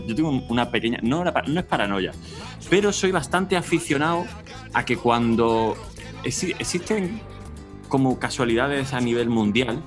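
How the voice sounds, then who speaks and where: A man's voice: medium pitch, lively intonation, normal speed, over music. A man co-hosting a talk show, rambling and breaking into laughs as he talks. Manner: rambling, laughs mid-sentence. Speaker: co-host. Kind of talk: casual chat.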